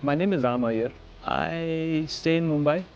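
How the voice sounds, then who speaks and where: A man, a rider-researcher, explaining things slowly, recorded with a slightly dull sound. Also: on the high side, vocal fry, soft background music.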